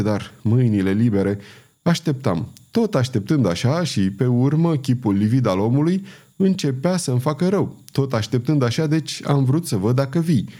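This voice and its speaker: A man voicing an anxious, earnest young male monk in an audiobook reading, speaking in a hurried, distressed way. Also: medium pitch, dark tone, voice pushed up, close to an everyday voice.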